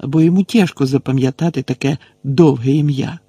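A man voicing a huge, gentle half-giant who shouts and coaxes in folksy speech, in an audiobook reading. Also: medium pitch, a little fast, husky, no echo. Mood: coaxing.

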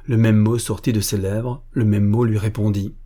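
Husky low-voiced male narrator. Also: little pitch movement, normal speed, mellow. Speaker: audiobook narrator. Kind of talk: scripted narration of a novel.

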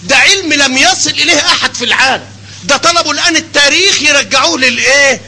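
An older man with an Egyptian Arabic accent teaching a hadith class, animated and constantly quizzing his students with questions. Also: extremely high pitch, fast, rough recording. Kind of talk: classroom lecture.

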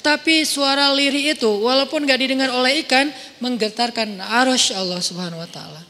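A man giving a casual, animated sermon in a mosque, telling stories and acting out voices with jokes. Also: very high-pitched, brisk, slight background noise. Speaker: preacher. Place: large mosque hall. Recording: hall reverb in a mosque.

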